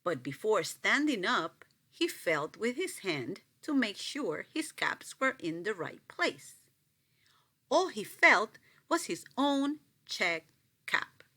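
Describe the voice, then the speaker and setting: A woman reading a picture book aloud to children, expressive and asking them questions. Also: mid-range voice, slow pace. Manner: expressive, asks the listeners questions. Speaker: storyteller.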